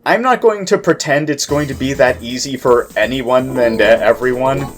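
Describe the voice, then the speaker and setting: A man's voice: medium pitch, moderate pace, soft background music. A man giving explanatory gameplay commentary, putting emphasis on key words as he plays. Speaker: game player and commentator.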